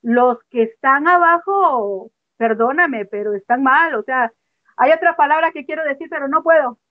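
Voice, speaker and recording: In a high voice at normal speed, a woman who used to be a member speaks as a guest in a video-call interview. Her testimony is frank and emphatic, and she laughs off sensitive points. The audio is dull and dry.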